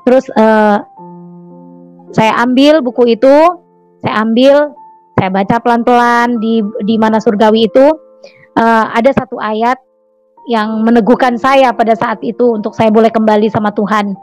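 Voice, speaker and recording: A woman giving a personal testimony to a congregation in an earnest, repetitive way, often pausing on "eh" and "gitu". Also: a little high, fairly even intonation, darkish tone, soft background music, rough recording.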